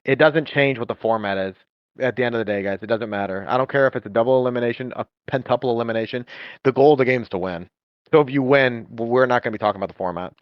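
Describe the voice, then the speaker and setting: A man, an esports coach, chatting on a podcast in an animated way and acting out what players say. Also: medium pitch, rapid-fire, dry recording, highs cut off. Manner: animated storytelling, acts out players' voices. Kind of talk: casual podcast chat.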